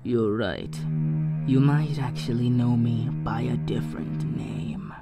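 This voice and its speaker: A cold and smug male villain mastermind, voiced by a woman, lays out his plans in a slow, breathy whisper. The voice sits low and hushed, heavy with menace, over a bed of clear background music. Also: exaggerated voice. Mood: menacing. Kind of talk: amateur film voice acting.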